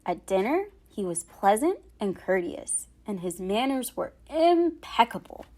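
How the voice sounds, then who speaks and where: In a mid-range voice, a little slowly, a woman tells a picture-book story aloud to children, enunciating with care and phrasing things in an expressive, dramatic way.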